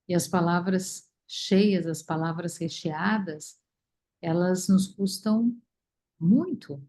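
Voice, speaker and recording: A woman leading a study group, talking reflectively with many pauses and fillers over a video call. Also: on the low side, warm tone. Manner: thoughtful, many fillers and restarts.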